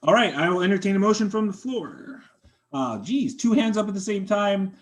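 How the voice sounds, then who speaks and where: A man chairing a members' meeting over a video call, running motions and votes in a brisk, polite, procedural way. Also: sits high, expressive.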